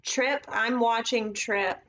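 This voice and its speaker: A woman's voice: fairly high pitch, fairly even intonation, takes it slowly, fairly bright tone. A woman casually teaching trading setups on a live stream, thinking aloud as she marks up charts at her computer. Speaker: trading educator.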